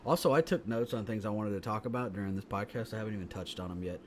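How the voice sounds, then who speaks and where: A man's voice: lowish voice, fast, background noise. A man hosting a casual comedy podcast, talking in rambling, profane tangents. He is also an impressionist.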